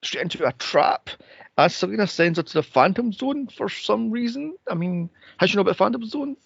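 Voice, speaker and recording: A man's voice: high-pitched, lively intonation, a little fast, vocal fry, slightly rough, no room sound, muffled recording. A man co-hosting a movie podcast, retelling scenes with sarcasm, swearing and exasperation. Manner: sarcastic, exasperated, swears a lot, mocks scenes in put-on voices. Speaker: podcast co-host. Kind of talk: casual movie review chat.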